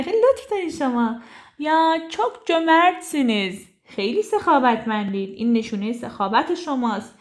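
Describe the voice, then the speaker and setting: A woman teaching a casual language lesson. She says each phrase slowly, then explains it quickly and chattily. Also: a little high.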